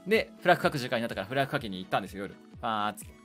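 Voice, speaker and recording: Male streamer, lively storyteller, wide-ranging voice, faint music under him. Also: very fast. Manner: animated, acts out others' lines in a higher voice. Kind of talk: casual storytelling.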